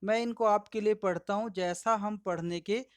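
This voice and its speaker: A male pronunciation teacher with an Indian English accent and Hindi as his first language, slowly and patiently modeling each word aloud while explaining slides. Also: high-pitched, steady tone, dry recording, studio quality. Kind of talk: slide-based lesson.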